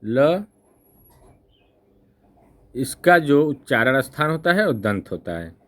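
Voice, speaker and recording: A male teacher giving an exam-prep lesson, explaining slowly and repeating himself, often checking "right?" with the class and correcting his own slips with an apology. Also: mid-range voice, big pitch swings, fairly bright tone. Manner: slow, repetitive explaining with frequent "ठीक ना?" checks.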